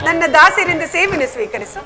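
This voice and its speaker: A woman's voice: very high voice, very animated, quick pace. A woman playing a proud, wavering queen in a village stage drama, with declamatory, emotional delivery. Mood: pondering. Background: stage music accompaniment.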